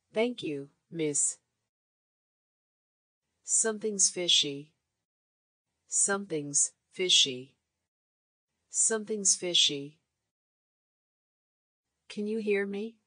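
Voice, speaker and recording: A woman reading short English phrases for learners, saying each one three times in a measured, clear way. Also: fairly low pitch, fairly bright tone, no room sound, studio quality. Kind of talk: slow repeated phrase drills.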